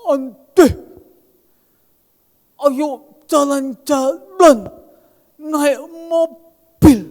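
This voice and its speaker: A preacher voicing a cheerful orphanage resident who pleads in slow, drawn-out, childlike phrases. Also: male voice, very high voice, steady tone, a little mellow, pitched above the performer's own voice, heavily acted. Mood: pleading. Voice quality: drawn-out, sing-song pleading. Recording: reverberant church hall.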